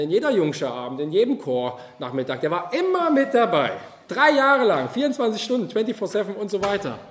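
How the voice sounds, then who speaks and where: A high-pitched man preaches in a roomy, echoing space. He speaks animatedly, swinging between loud emphasis and quiet asides. He keeps turning to his listeners with direct questions. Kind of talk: sermon at a youth Easter retreat.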